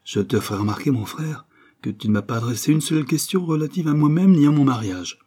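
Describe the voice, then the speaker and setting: A man voicing a haughty, sharp-tongued young sister in a read novel, with cutting, curt replies. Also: fairly high pitch, lively intonation, fast, husky, pitched above the performer's own voice.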